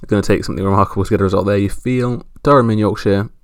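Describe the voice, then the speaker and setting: A man with a gravelly, lowish voice presents a casual sports roundup on his own. His delivery is wry and halting, like a podcast host thinking as he goes. The sound is dry, with very little room on it. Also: steady tone, no room sound.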